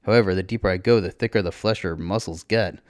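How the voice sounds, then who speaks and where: A man narrating a story in the first person, expressive, with his voice jumping up on exclamations. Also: sits low, fast talker, no echo, studio quality.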